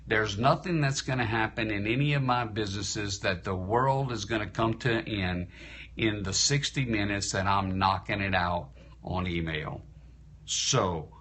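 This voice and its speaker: A Louisiana man with a fairly low, fairly bright voice coaches viewers on a live stream, often throwing out rhetorical questions. He's an insurance entrepreneur and speaker, tired after a long day, talking into a phone with slight background noise.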